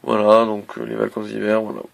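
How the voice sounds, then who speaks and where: Man, gravelly voice, casual gadget review, halting, lots of fillers. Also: on the low side, monotone. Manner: hesitant, many fillers and restarts. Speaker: tech reviewer.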